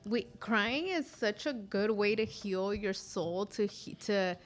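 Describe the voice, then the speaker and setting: Woman, podcast co-host, casual chat, expressive, quick agreements, mid pitch. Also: faint music behind. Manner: supportive, frequent short agreements, expressive.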